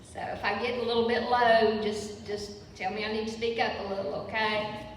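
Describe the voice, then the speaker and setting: Speaking at a moderate pace with a fairly high pitch and level tone, a local history teacher from Patrick County, Virginia, lectures as a guest. This older woman has a Southern US accent and keeps the public talk folksy and conversational. The big room echoes heavily, and the distant mic picks up faint noise.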